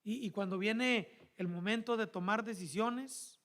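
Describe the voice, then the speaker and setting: High, bright-voiced Mexican preacher. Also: male voice, measured pace. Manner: animated preaching, addresses the congregation as brothers. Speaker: pastor. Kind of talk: sermon. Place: church.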